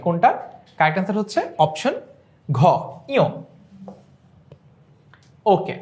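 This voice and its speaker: A woman with a Bangladeshi Bengali accent and a mid-range voice teaches an online exam revision class. She explains things step by step, posing questions and then answering them herself.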